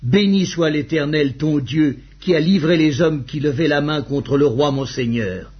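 A man reading the lines of an eager young male messenger in a husky voice. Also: fairly high pitch, a little slow. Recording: dull lo-fi recording.

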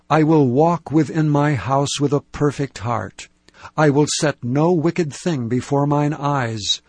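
A man giving a steady, measured, solemn scripture reading. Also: on the high side, slightly rough, no room sound. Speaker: Bible reader.

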